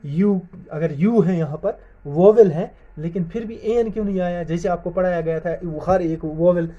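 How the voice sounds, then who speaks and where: A man teaching English grammar, his voice sitting a little high but very dark and mellow in tone. He spells words out letter by letter and quizzes his class, then answers for them. The recording sounds dull and lo-fi. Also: moderate pace. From Jammu and Kashmir. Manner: repeats questions to the class and answers them himself. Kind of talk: classroom-style video lesson.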